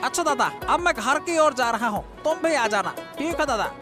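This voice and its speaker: A man voicing a boastful rival fish seller in a cartoon, with a sing-song sales pitch. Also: animated, moderate pace, over music. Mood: selling. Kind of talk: animated cartoon dialogue.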